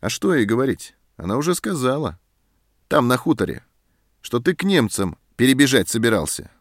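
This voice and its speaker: A man voicing a short-tempered male army sergeant who talks in a harsh, scornful way, louder and higher than his narration. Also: big pitch swings, moderate pace, no echo, studio quality. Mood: suspicious.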